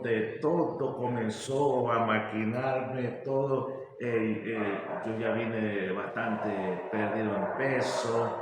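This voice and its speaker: A man from Ecuador sharing a personal faith testimony in a halting, emotional way, with many restarts. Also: mid-range voice, noisy background. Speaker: church member giving testimony. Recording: very echoey hall.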